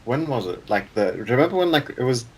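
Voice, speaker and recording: A man's voice: mid-range voice, sing-song, brisk, a little mellow, husky, low-quality recording. A young man co-hosting a podcast, chatting casually in a laid-back, slangy way. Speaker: podcast co-host. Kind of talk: casual chat.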